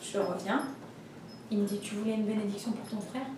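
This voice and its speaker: A woman teaching a religious class, telling stories in a lively way and acting out the voices of the people in them. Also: medium pitch, fairly quick, noisy background. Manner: lively storytelling, acts out voices. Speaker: Torah teacher. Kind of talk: storytelling class. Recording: echoey room, voice from far off.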